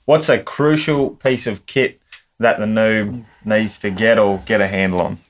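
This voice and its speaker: A man's voice: fairly low pitch, fairly even intonation, measured pace. A man co-hosting a podcast, chatting casually in a blokey, slangy way. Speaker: podcast co-host. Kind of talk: casual interview chat.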